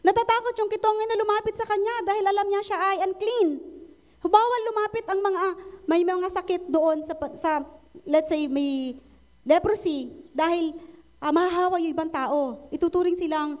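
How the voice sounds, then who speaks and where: A woman's voice: very high voice, fairly even intonation, normal speed, a little mellow. A woman with a Filipino accent preaching a sermon, switching between Tagalog and English and often asking the congregation for an amen. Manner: mixes Tagalog and English, asks congregation for amens.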